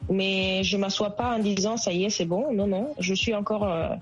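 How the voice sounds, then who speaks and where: A woman's voice: mid-range voice, moderate pace, lo-fi sound, faint music behind. Earnest female singer from Burkina Faso. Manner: earnest, repeats words while searching. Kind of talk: radio interview.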